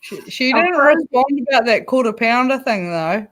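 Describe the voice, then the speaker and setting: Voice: high voice, animated, moderate pace, fairly bright tone. A speaker joining a casual chat on a video call, chiming in with short teasing remarks.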